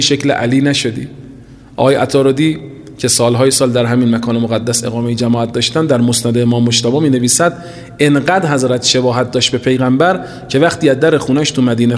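A man preaching an impassioned religious sermon. He swings from rising, fervent cries to slow, hushed lines and recites scripture. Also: medium pitch. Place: large holy shrine hall. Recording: long hall reverb.

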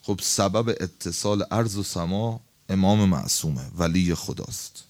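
Speaking to an assembled crowd, a man delivers a sermon as an impassioned, colloquial story. He shifts back and forth between loud, high-pitched emphasis and soft asides.

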